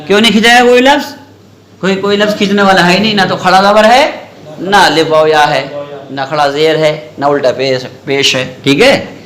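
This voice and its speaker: A male Quran recitation teacher with a high, bright voice leads a classroom lesson, asking questions and repeating the answers back. He draws the sounds out slowly when he demonstrates them. The room rings with echo. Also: steady tone. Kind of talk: classroom tajweed lesson with call-and-response.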